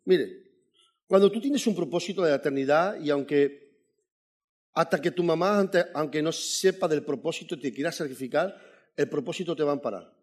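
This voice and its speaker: Guest preacher, male, fairly high voice, animated testimony-style sermon to a church crowd. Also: moderate pace. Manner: animated storyteller, calls out "amen" to the congregation.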